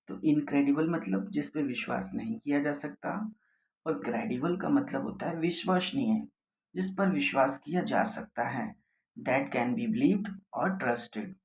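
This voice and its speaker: Man slowly teaching vocabulary, roomy echo. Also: medium pitch, creaky. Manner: explains in Hindi, reads English definitions slowly and deliberately. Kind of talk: vocabulary lesson for exam prep. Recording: roomy echo, faint background noise.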